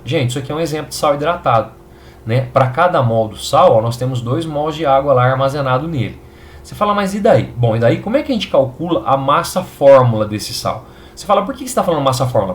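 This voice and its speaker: A man's voice: mid-range voice, lively intonation, fast talker, slight background noise. A man with a Brazilian Portuguese accent teaching a chemistry video lesson, upbeat and reassuring, often checking in with his students.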